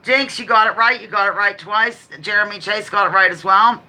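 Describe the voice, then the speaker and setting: A woman with a very bright, sharp voice hosts a relaxed live quiz stream. She talks quickly and chattily, drifting into apologetic asides between the questions she reads aloud. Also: mid-range voice, low-quality recording. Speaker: livestream host running a trivia quiz. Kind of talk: casual live chat with read-out quiz questions.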